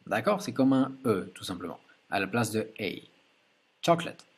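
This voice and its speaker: A man teaching English pronunciation who calmly adds a correction to his lesson, speaking patiently and plainly. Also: fairly low pitch, a little fast, husky. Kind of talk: explanatory video lesson.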